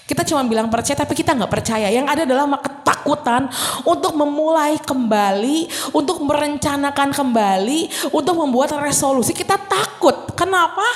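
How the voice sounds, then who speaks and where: High-voiced young woman preaching, hall reverb. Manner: chatty, acts out prayers in a high voice. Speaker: youth preacher. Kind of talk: casual youth sermon.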